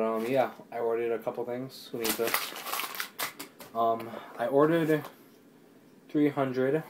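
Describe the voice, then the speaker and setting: A young man in casual, rambling chat, excitably showing off discs he ordered, with lots of fillers. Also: medium pitch, a little hiss or hum, rough recording. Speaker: YouTuber reviewing discs.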